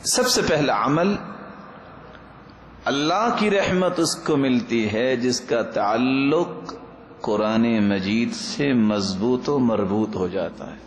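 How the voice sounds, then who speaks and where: A man's voice: medium pitch, echoey room, a little hiss or hum. A man delivering a sermon, speaking with impassioned, rising emphasis and slipping into chanted Arabic quotations. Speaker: preacher.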